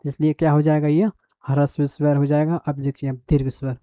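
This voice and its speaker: A male teacher giving a school grammar lesson, dictating definitions slowly word by word as he writes them down and asking the class questions along the way. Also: a little high, level tone, mellow, dry recording, clean studio sound. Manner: repeats definitions and quizzes the class.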